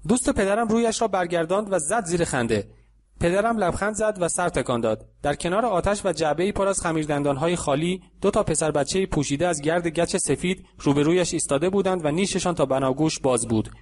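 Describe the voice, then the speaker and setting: Calm, slightly higher-voiced male narrator. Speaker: audiobook narrator. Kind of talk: scripted audiobook narration.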